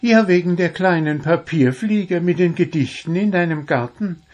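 A man voicing a cheerful, meddling little male kobold in a high, bubbly, chatty voice. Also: moderate pace, darkish tone, lightly acted. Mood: cheerful teasing.

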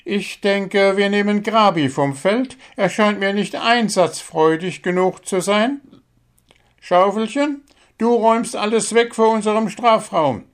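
A shrill scolding little bird coach. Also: male voice, measured pace. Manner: scolding, sharp, sarcastic. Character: small strict bird football coach.

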